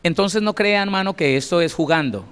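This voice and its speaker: Male pastor giving a bible study, stories told with punch, slightly high voice, echoey hall. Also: fairly quick, a bit bright, clean tone. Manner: storytelling, emphatic, addresses listeners directly. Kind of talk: sermon-style Bible study. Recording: long hall reverb.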